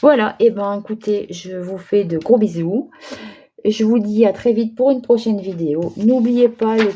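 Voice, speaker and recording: Chatty French-speaking woman, mellow voice. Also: medium pitch, moderate pace, husky. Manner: chatty, hesitant, many fillers and restarts. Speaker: crafting vlogger. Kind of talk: casual craft demonstration.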